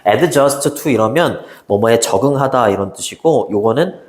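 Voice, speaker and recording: A man teaches a high school English lesson in a lively voice that rises and falls a lot. He talks in a chatty way and keeps checking in with the class. The room gives his voice a noticeable echo. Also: a little slow, slight background noise. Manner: lively, chatty, keeps asking students "right?".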